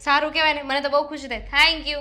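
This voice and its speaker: A woman playing a defiant young daughter-in-law who mocks and quarrels with quick retorts. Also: high-pitched, flat delivery, pushed and bright.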